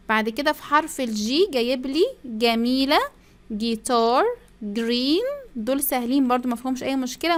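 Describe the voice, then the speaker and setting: A woman with an Egyptian Arabic accent, teaching a first-grade English lesson, stretching out English phrases and drilling pupils to repeat after her. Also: high-pitched. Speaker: primary school English teacher.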